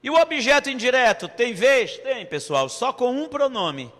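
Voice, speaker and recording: Brazilian male teacher, bright high voice, slow and playful, reverberant room. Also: big pitch swings. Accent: Brazilian Portuguese. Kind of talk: online exam-prep grammar lesson.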